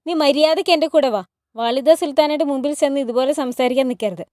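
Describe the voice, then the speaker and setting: Lady doing a stern palace servant guy, curt and threatening, high voice, dry. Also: fast talker, a little mellow, no room sound, close to an everyday voice.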